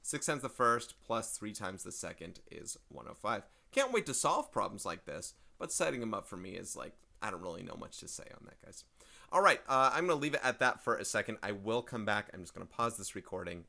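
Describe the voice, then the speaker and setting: Male math teacher, casual lesson voice: slightly low, gravelly, bright, chatty and self-interrupting. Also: big pitch swings, a little fast. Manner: chatty, thinks aloud, often apologizes and clears his throat. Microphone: desk microphone.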